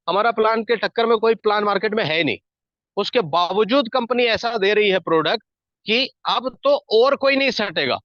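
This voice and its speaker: A high-pitched man delivers an emphatic, repetitive business pep talk, stacking phrase on phrase to push his point. The sound is dry and slightly dull, like a lo-fi recording. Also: dry recording. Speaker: network marketing team leader.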